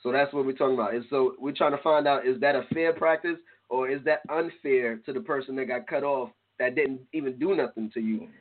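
A man co-hosting a casual talk show, animated and profane, often laughing and breaking into shouts. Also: medium pitch, a little fast, hardly any pauses. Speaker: podcast co-host. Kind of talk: casual chat show banter. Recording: tinny phone-like line.

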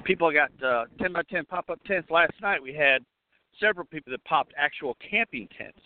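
A man's voice: on the high side, lively intonation, a little hiss or hum. Chatty man hosting over a phone line. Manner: chatty, halting, many fillers and restarts. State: coughing, clearing throat. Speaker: host. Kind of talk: casual live call-in show, roving outdoors. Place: outdoors at a railway depot event. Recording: tinny phone line, dry.

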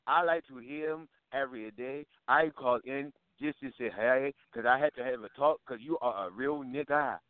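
A man's voice: mid-range voice, normal speed, few pauses, no room sound. A man calling in to a radio show as a prank, putting on a broad foreign voice and repeating exclamations, heard over a phone line. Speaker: caller.

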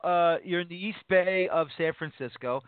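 A man's voice: high-pitched, moderate pace, clean tone, no echo. A man hosting a casual soccer interview show, rambling and repeating himself with many fillers. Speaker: podcast host. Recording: dry phone-like line.

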